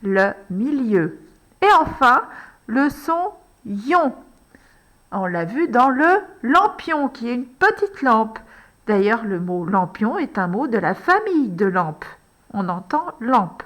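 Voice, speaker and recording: A woman teaching a handwriting lesson to young children, slowly spelling out each word letter by letter as she writes. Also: fairly high pitch, big pitch swings, a bit bright. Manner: slow, deliberate, spells out letter by letter. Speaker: primary school teacher.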